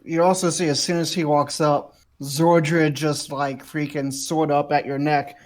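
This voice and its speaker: Male tabletop gamer, a touch higher-pitched, casual conversational delivery. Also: flat delivery, unhurried. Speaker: tabletop game player. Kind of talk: casual game chat.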